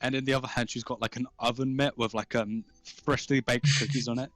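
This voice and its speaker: A man's voice: mid-range voice, fairly even intonation, a bit bright, no room sound. Man narrating as game master, dry sound. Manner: halting, descriptive, informal. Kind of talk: improvised tabletop game narration. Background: faint music.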